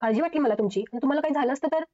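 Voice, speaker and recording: An upset young wife scolds her husband, her voice high and rushed, as a woman reads her lines. Her words tumble out fast and agitated. The recording sounds a little dull and lo-fi. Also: dark tone, lightly acted. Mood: upset scolding. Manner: agitated, scolding, raised pitch.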